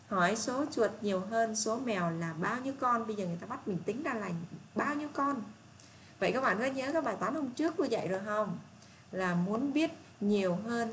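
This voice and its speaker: A woman tutor reading a first-grade math workbook aloud to children, slow and patient, asking them encouraging questions. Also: mid-range voice, slight background noise. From Vietnam. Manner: slow, patient, reads problems aloud deliberately.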